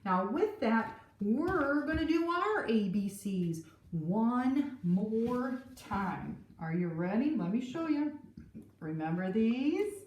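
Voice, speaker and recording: A woman teacher reads a picture book aloud to young children, gentle and encouraging. She speaks very slowly, and the recording sounds roomy and echoey. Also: a little high, very animated, far from the mic. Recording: roomy echo.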